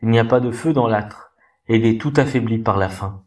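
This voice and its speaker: Un homme qui fait parler la statue d'un prince noble et compatissant, d'un ton lent, solennel et impérieux, dans un conte lu à voix haute. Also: male voice, mid-range voice, a little mellow, far from the mic, lightly acted. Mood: solemn. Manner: slow, solemn, commanding.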